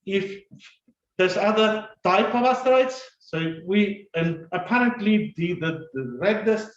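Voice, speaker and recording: A man giving a fast, halting scientific conference talk, full of fillers and restarts. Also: high-pitched, expressive. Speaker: conference speaker. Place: conference room or lecture hall. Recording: echoey, dull conference recording.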